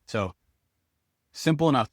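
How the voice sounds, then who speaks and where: This product reviewer sounds animated yet keeps a measured pace, speaking informally to viewers while he tries out the item and thinks aloud. His pitch is typical for a man. The audio is dry, with barely any room in it.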